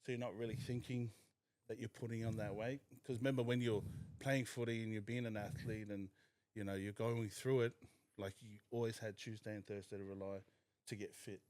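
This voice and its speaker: Young male guest from New Zealand, low-pitched, candid and reflective, dry close sound. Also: little pitch movement, fairly quick, a little mellow, no echo. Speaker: podcast guest. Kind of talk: casual chat.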